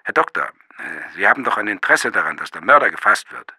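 A man voicing a pushy police sergeant with a rough, gravelly voice, who insists and sometimes drops to a confiding whisper. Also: lowish voice, sing-song, fast, sharp tone, dry recording, studio quality, pitched above the performer's own voice, full character voice.

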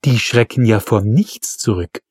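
A man's voice: lowish voice, unhurried, darkish tone, breathy edge, dry recording, clean studio sound. A man voicing a blunt, outspoken young policewoman, speaking sardonically. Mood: sardonic.

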